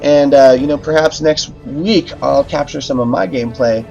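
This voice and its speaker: A man hosts a game livestream, chatting casually to his viewers in a slightly high, slightly mellow voice with vocal fry at normal speed. He uses many fillers and restarts, and the lo-fi stream audio sounds dull, with faint music behind him.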